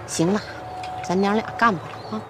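A woman's voice: mid-range voice, normal speed, noisy background, close to an everyday voice. An actress playing a practical, resigned rural mother.

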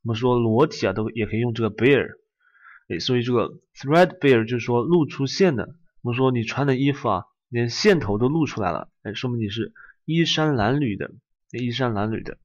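A man's voice: mid-range voice, a little fast. Guy teaching vocab, keeps saying "ai" between words, muffled lo-fi sound. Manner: repeats each word, starts lines with a filler "ai". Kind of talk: vocabulary lecture. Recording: dull lo-fi recording.

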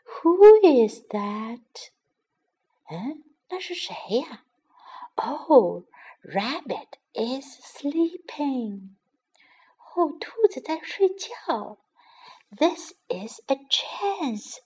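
A woman voicing a slow but proud male turtle in a children's story, giving each line in English and then in Chinese. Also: high-pitched, big pitch swings, warm tone, exaggerated voice. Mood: hushed.

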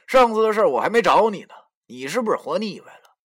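A man's voice: high voice, sing-song, fast talker, breathy edge, heavily acted. A man doing a sneering two-faced bully. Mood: snarling. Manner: contemptuous then snarling.

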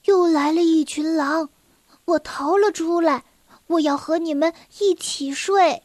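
A frightened little girl from a children's storybook, as a woman reading aloud puts her on. She speaks high and pleading, slow and a little breathless. The sound is close and dry. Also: darkish tone, no room sound. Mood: frightened whisper.

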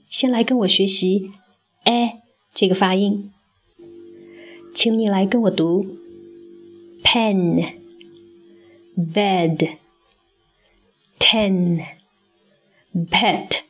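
A husky, somewhat bright, medium-pitched female voice guides a scripted phonics lesson. She teaches English pronunciation at a slow, careful pace, sounding things out for the listener to repeat.

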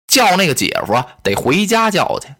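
Animated storyteller narrating an old tale. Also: mid-range voice, fairly quick. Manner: animated, conversational asides to listeners. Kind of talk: traditional Chinese storytelling narration.

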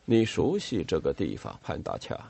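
A man's voice: deep voice, wildly swooping pitch, moderate pace, vocal fry, a little mellow, breathy edge, no room sound, voice pushed down, heavily acted. A man reading an audiobook voices a worn-out army lieutenant who speaks curtly and loses patience. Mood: weary. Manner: curt and exasperated.

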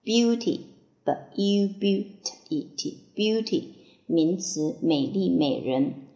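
A woman's voice: fairly low pitch, expressive, takes it slowly, dark tone, muffled recording. A woman teaching English vocabulary for dictation, spelling each word letter by letter and giving its meaning. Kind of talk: slow word-by-word dictation lesson. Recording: echoey room.

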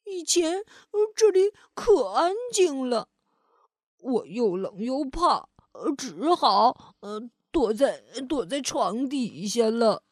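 Give me a woman putting on a frightened green monster, high and halting, slow and close-miked. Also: very animated, dry recording, heavily acted. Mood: scared stammering. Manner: stammering, hesitant with many filler sounds. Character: timid stuttering big one-eyed green monster, male.

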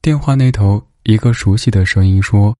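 A man narrating a storybook in a gentle, unhurried way. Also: lowish voice, dry recording, clean studio sound.

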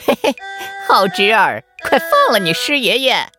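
A woman's voice: fairly high pitch, wildly swooping pitch, unhurried, pushed and bright, heavily acted. A woman voicing a cheeky, boastful monkey king who chuckles and teases, in a children's story. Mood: teasing singsong. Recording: clear music behind.

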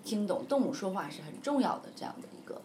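A woman's voice: mid-range voice, sing-song, quick pace, warm tone, a little hiss or hum. A woman telling a fairy tale in a casual, chatty way, with hesitations and fillers. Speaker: storyteller. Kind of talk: casual storytelling.

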